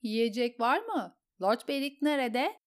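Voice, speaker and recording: A woman voicing a fierce young girl who fires off high, frantic questions. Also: sing-song. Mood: frenzied. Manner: high, rapid-fire shouted questions.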